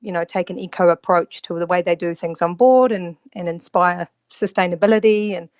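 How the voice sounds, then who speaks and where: Her voice sits on the low side and she speaks briskly. She's a New Zealander working as a yacht stewardess, appearing as a podcast guest on a video call and chatting in a relaxed manner with fillers and small restarts. The recording is dry and dull.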